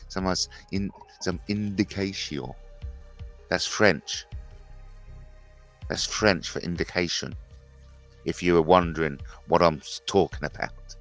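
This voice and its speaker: A man in his fifties with a creaky bass voice hosts a rambling, jokey livestream chat. He repeats himself and mentions his speech impediment.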